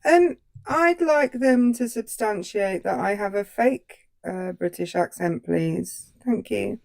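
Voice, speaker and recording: A woman with a gravelly, creaky voice co-hosts a live stream. She speaks in casual chat and tosses in dry, wry remarks. Her pitch is in the middle range. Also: lively intonation, takes it slowly, darkish tone. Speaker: co-host.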